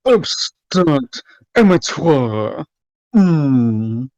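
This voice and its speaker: A man's voice: on the high side, very animated, extremely slow, darkish tone, dry recording, highs cut off, full character voice. A man voicing a haughty rival prosecutor in a game read-along, with pompous, clipped disdain. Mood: disdainful. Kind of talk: video game read-along role-play.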